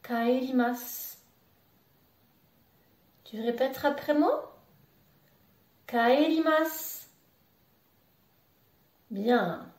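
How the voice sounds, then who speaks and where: A woman's voice: high-pitched, darkish tone, distant mic. Patient woman teaching beginners, repeats stuff, roomy echo, a bit off mic. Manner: slow, patient, repeats words for the learner. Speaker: Japanese language teacher. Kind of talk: beginner language lesson.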